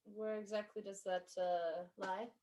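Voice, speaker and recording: A woman playing a tabletop game, making wry, quick remarks. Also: mid-range voice, fairly even intonation, a little mellow. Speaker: player.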